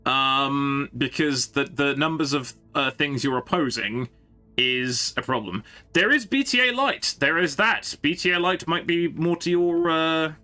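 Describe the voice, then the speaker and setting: A man's voice: a little high, unhurried, sharp tone, soft background music. A man chatting casually on a game live stream, rambling and thinking aloud to his viewers.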